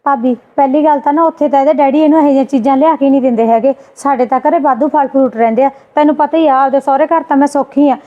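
Fast-talking indignant woman, muffled audio. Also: high-pitched, fairly even intonation. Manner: indignant, scolding. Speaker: sister-in-law character in a family skit. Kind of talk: Punjabi family drama skit.

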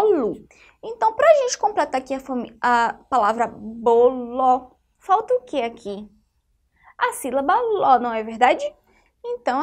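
A woman teaching a phonics lesson to young children, patient and often checking that they follow, with a Brazilian Portuguese accent. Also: sits high. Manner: patient, keeps checking in with the class.

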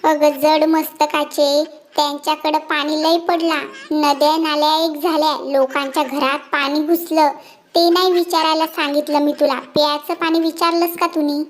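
A performer voicing a henpecked village husband in a cartoon, with a high pitch-shifted voice. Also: male voice, level tone, normal speed. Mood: blustering.

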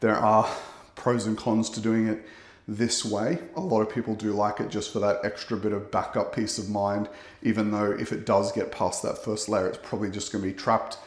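A man, explaining waterproofing work in a relaxed way as he walks through a bathroom under renovation, filming on a phone. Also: on the low side, normal speed. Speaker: waterproofing expert. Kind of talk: on-site walkthrough explanation. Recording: echoey small tiled room.

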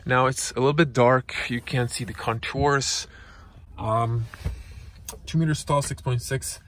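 A young man whose first language is Croatian, giving a casual walkaround car review in a showroom, talking haltingly with many fillers into a handheld camera. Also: mid-range voice, steady tone, fairly bright tone. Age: young adult. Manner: halting, many fillers, non-native phrasing. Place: car dealership showroom, inside a car. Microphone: handheld camera close to face.

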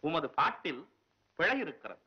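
A man's voice: on the high side, very animated, moderate pace, breathy edge. An actor playing a proud male court poet in a 1960s film, speaking formally and scolding. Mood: stern. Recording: dull old film soundtrack.

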